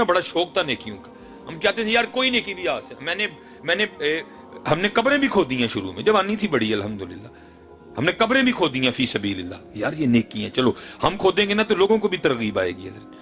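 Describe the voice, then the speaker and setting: A man in his thirties with a Punjabi accent preaches an emotional sermon full of stories, alternating loud outbursts with hushed lines. His voice sits at a medium pitch.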